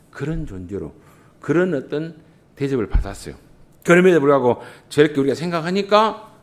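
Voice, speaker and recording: A man preaching with a Jeolla Korean accent, his pitch climbing and dropping all over the place. He moves between loud, pressing stress and hushed asides in the way of a church sermon. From Jeolla region, South Korea. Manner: impassioned, swinging from loud emphasis to quiet, drawn-out asides. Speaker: pastor. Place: church sanctuary.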